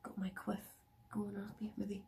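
A young woman whispers an ASMR chat close to the ear, soft and breathy. Her voice is mellow and even, with some creak at the edges. A light layer of room noise sits behind her. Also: mid-range voice, moderate pace. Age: young adult. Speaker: ASMR video creator. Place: dim room in a flat. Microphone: close binaural microphones. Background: faint room ambience, wind.

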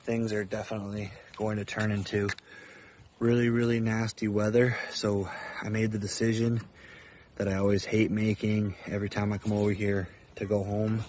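A man's voice: fairly low pitch, flat delivery, normal speed, a little mellow, a little hiss or hum. A man in his thirties giving a matter-of-fact selfie vlog update outdoors on a phone held at arm's length. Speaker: fishing channel host. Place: outdoors by a house.

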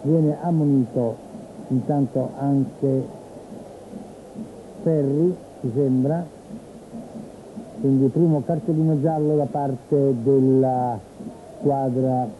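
Italian guy calling a football match live, measured play by play, thin phoney old broadcast sound, bit of stadium noise behind. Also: medium pitch, fairly even intonation, narrow, tinny audio. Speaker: football commentator. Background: stadium ambience.

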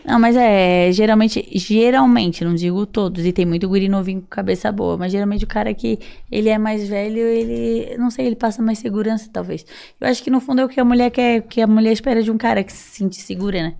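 A woman's voice: medium pitch, fairly even intonation, quick pace, gravelly, warm tone. A young woman chatting frankly and rambling on a podcast, with lots of fillers. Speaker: guest. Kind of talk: casual podcast chat.

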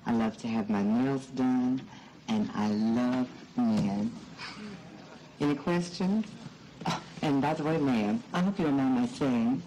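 Sassy, mellow-voiced courtroom witness, a woman. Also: extremely low pitch, slow pace, long pauses, low-quality recording. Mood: coy, sassy. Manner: coy, poised, playfully catty. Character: sassy, flirtatious transgender woman testifying in court. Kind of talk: courtroom scene in a film. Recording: faint noise and room ambience.

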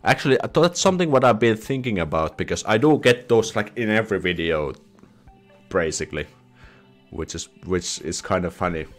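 In a small indoor room at home, a young Finnish man runs a casual live stream with soft music playing behind him. His voice is on the low side, expressive and brisk, with a Finnish accent, and he reads viewer comments, chats, frequently restarts his words, and slips into Swedish phrases. He uses a headset, with a desk mic in front.

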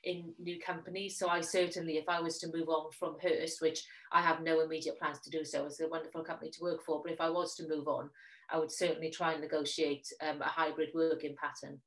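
Low, even Welsh Valleys woman. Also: fast, rough recording. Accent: South Wales Valleys. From South Wales Valleys. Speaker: magazine editor, guest. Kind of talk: casual interview chat.

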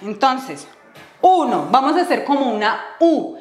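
High-voiced woman teaching a dance. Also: big pitch swings, a little slow. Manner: counts beats aloud, gentle instructive tone with diminutives. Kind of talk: live-streamed dance lesson with counting. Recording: roomy sound with faint music behind.

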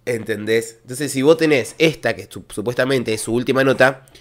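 A man with an Argentine accent, a baritone vocal coach, chatting excitedly to viewers as he reacts to and analyzes a singing performance. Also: moderate pace. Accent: Argentine Spanish.

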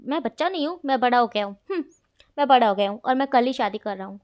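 A whiny, playful young man who begs to be left asleep, as a woman reads him out. The voice sits high and sounds pleading and cheeky, like a line read aloud from a storybook retelling. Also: expressive, quick pace, darkish tone, lightly acted.

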